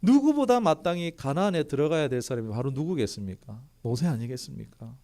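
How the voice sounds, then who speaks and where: A man's voice: mid-range voice, fairly quick. A male pastor preaching a sermon who keeps asking rhetorical questions and reads scripture aloud in a formal tone. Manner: lively, fires rhetorical questions at the congregation.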